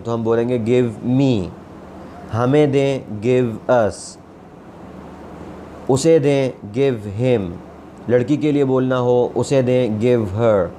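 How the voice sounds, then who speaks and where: A man's voice: mid-range voice, dark tone, slight background noise. A man teaching English vocabulary, repeating each word several times before giving its meaning. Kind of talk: vocabulary lesson with repetition drills.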